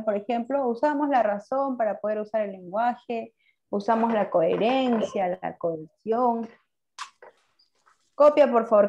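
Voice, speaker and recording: A woman teacher with a mellow, warm voice leads a language class. She quizzes her students and praises them when they answer. The recording is dull and lo-fi. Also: fairly high pitch. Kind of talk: online class lesson.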